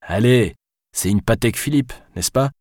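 A man's voice: mid-range voice, unhurried, a little mellow, dry recording, studio quality, close to an everyday voice. A man voicing a frustrated, stubborn man on the run in an audiobook, talking in a grumbling, defensive way. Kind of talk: audiobook character voice.

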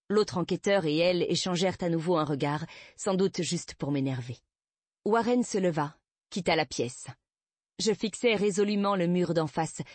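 A woman's voice: lowish voice, darkish tone, no room sound. A woman reading a first-person audiobook, tense and defensive in the dialogue passages. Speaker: audiobook narrator.

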